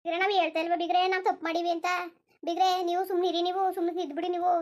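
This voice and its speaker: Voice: extremely high pitch, little pitch movement, racing. A voice actor playing an angry village mother-in-law in a cartoon, scolding with accusing questions. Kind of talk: cartoon voice acting.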